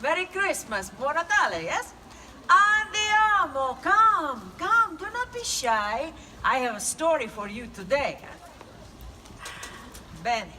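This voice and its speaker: A kindly old witch with an Italian accent, put on by a woman, speaking slowly in a high voice as she coaxes children and tells her tale. Her lines are theatrical and full of little questions to the listeners. The live recording carries plenty of background noise. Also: sing-song, bright, forceful tone, recorded from a distance, full character voice. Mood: playful coaxing. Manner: theatrical, coaxing, asks the audience questions. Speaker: storyteller for children. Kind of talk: live in-character storytelling.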